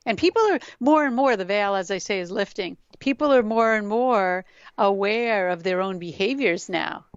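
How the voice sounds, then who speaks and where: A woman's voice: mid-range voice, moderate pace, clean tone, dry recording. A middle-aged woman talking as a podcast guest, reflective and explanatory, laughing easily. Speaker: yoga scientist guest. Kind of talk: conversational podcast interview. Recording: dull lo-fi dry sound.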